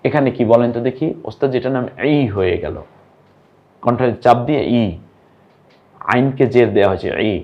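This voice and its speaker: A man's voice: mid-range voice, dull audio. Patient male teacher drawing out syllables. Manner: patient, drawn-out syllables, quizzing the viewer. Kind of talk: online lesson on reading Arabic vowel marks.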